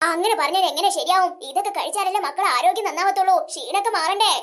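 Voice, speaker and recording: A loving old grandmother fusses over sick and hungry grandchildren in a family skit. She speaks in a very high, quick, coaxing voice. Someone plays her. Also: a bit bright. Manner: coaxing and doting, with rural Kerala speech.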